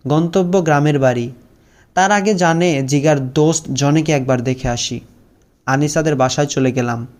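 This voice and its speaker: A man's voice: a little high, moderate pace, darkish tone. A young man narrating a first-person story, with a sorrowful, heartfelt storytelling manner.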